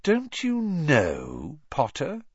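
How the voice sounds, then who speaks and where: A man's voice: medium pitch, big pitch swings, unhurried, a bit bright, no room sound, muffled recording, pitched above the performer's own voice. A man voicing a sneering, spoiled teenage schoolboy in a storybook reading. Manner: sneering, mocking.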